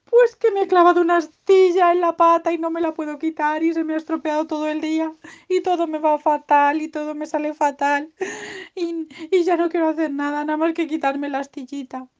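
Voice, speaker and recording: A woman's voice: sits high, fairly even intonation, brisk, darkish tone, voice pushed up, close to an everyday voice. A woman voicing a whiny, easily upset little male pig-dinosaur in a bedtime story, wailing her complaints. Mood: whining. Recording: dull lo-fi recording.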